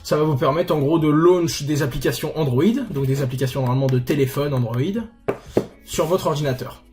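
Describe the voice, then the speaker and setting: Casual, crude-talking young man with a slightly high voice. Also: a little fast, noisy background. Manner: chatty, crude slang, self-mocking asides. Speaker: YouTuber tutorial host. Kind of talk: casual screen-recorded tutorial.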